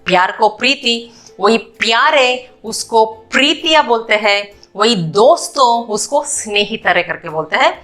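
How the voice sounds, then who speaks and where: A woman teaching a beginner language lesson, repeating each word slowly several times. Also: a little high, bright, forceful tone. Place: room with a whiteboard.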